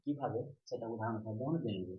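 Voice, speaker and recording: A man's voice: lowish voice, very fast. Male teacher, repetitive question-and-answer delivery, echoey, slightly muffled recording. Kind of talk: online grammar lesson. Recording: roomy, slightly dull recording.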